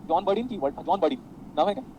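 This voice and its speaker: Fast-talking man teaching a class. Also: sits high, muffled recording, a little hiss or hum. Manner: animated, addresses students as beta, tells anecdotes. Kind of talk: classroom lecture.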